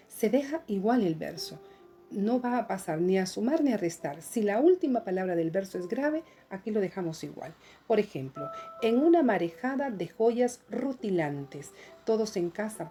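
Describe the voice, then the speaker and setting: A woman teacher talks through a recorded lesson, slow and patient as she explains each step to students at home. Her voice is dark and mellow, sitting at a middle pitch for a woman. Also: a little hiss or hum.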